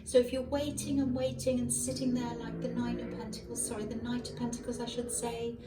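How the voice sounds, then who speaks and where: Heard from afar in an echoey room through a malfunctioning mic, a hoarse adult woman gives a casual tarot reading to camera. Her slightly high voice moves briskly with little pitch variation as she rambles with ums and self-corrections. Loud music sits behind her, along with faint passing cars.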